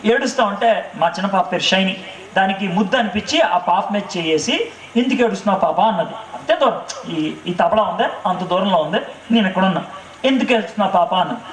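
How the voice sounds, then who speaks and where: High-voiced man preaching in an echoey hall. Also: brisk, recorded from a distance, slight background noise. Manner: asks the crowd rhetorical questions, keeps checking they understood; tells a lively family story with laughter. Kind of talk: sermon. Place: stage at an evening revival meeting.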